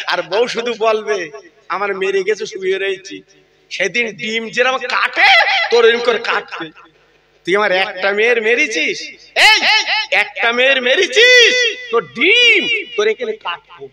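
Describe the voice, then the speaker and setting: A man preaching a comic Islamic sermon to a crowd, joking, shouting and turning emotional. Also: high voice, normal speed. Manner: humorous, shouting, emotional swings, addresses crowd.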